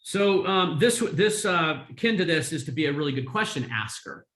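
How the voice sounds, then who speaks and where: A man's voice: on the high side, lively intonation, moderate pace, a bit bright, echoey room. A man coaching real estate agents on a video call, telling stories energetically with frequent laughs. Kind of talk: live coaching session.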